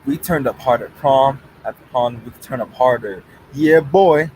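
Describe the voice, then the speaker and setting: A man's voice: mid-range voice, normal speed, a little mellow, slight background noise, poor audio. A man chatting casually on a live stream, reading out chat and arguing back with profanity and laughter. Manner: reads out chat, argues, swears, laughs.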